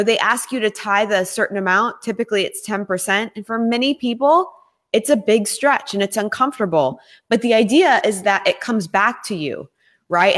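A woman's voice: medium pitch, fairly bright tone. A woman co-hosting a casual talk show, speaking earnestly and persuasively about giving and an upcoming event. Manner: earnest, persuasive, sales-minded. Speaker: podcast co-host. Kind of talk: casual promotional chat.

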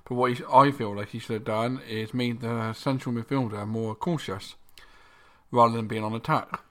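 A man's voice: mid-range voice, fairly even intonation, moderate pace, a bit bright. Man, dry wit, casual podcast co-host, um-heavy speech. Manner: dry humour, filler-heavy. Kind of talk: casual chat.

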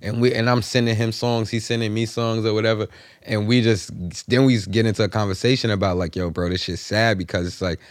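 A man talks casually as a podcast co-host. His voice is low and his delivery is halting and slangy, circling around the point. The recording is dry, without room sound. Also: steady tone, no room sound. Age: 30s. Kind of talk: casual chat.

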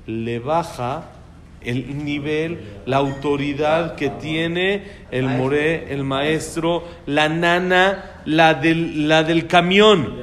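A man's voice: on the high side, fairly even intonation, extremely slow, crowd noise. A man teaching a religious class on raising children, speaking emphatically and putting questions to his listeners. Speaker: Torah teacher.

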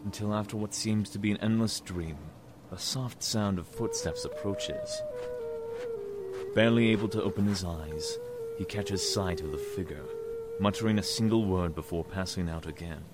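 A man's voice: fairly low pitch, huge pitch swings, normal speed. A man narrating a dramatic scripted story. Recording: music score behind.

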